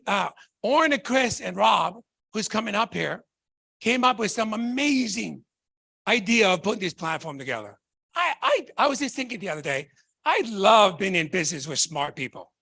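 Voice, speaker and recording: A man's voice: high-pitched, vocal fry, bright, forceful tone, breathy edge, no room sound, clean studio sound. A man from Tonga, giving a fervent motivational stage talk and firing rhetorical questions at the audience. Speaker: motivational speaker.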